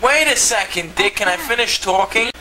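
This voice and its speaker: A man's voice: high voice, normal speed, sharp tone. A man showing off his comic collection in a put-on TV-presenter voice, recorded on an old VHS home video. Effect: old VHS home video tape. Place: home, indoors. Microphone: camcorder mic across the room. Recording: hissy old VHS tape, mic far off.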